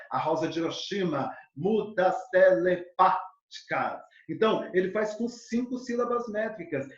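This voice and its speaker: A male literature teacher gives a lively exam-prep lesson, full of fillers and speaking straight to his students. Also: high-pitched. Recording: echoey, dull lo-fi room sound.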